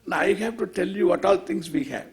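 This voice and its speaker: A man's voice: high voice, fairly quick. A man with an Indian English accent gives an informal spiritual discourse as a swami, playful and wry, posing questions, answering them and repeating phrases for emphasis.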